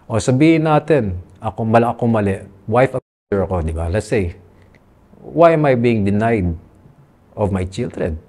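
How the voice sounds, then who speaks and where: A man with a Filipino accent tells his own story in an interview, earnest and aggrieved, switching between Tagalog and English mid-sentence. His mellow voice sits fairly low, with lively intonation, normal speed and frequent pauses. It's candid personal testimony.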